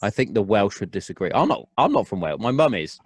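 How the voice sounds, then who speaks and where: A man's voice: fairly low pitch, big pitch swings, fast talker, husky, no room sound. A young man with an English accent hosting a casual podcast chat, rambling, restarting and swearing freely. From England. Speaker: podcast host.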